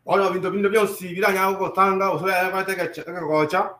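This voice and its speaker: Male sermon interpreter, high monotone voice, echoes each line, roomy church sound. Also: racing. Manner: echoing each line in call and response.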